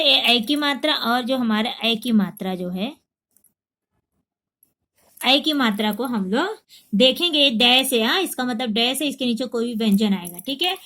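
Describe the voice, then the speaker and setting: A woman teaching a Hindi reading lesson, slowly and clearly sounding out syllable after syllable and checking that the class follows. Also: high-pitched, a bit bright. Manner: slow, clear drilling of syllables; repeats and checks understanding.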